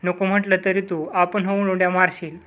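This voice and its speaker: A man's voice: high-pitched, flat delivery, moderate pace, fairly bright tone. A man reading the lines of a friendly village boy reassuring his friend and reporting to the mother.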